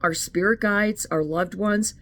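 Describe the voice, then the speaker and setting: Her voice has a medium pitch and a fairly bright tone, and she keeps a measured pace. She is a middle-aged woman from the United States hosting her own channel, offering a chatty, opinionated casual monologue with many restarts.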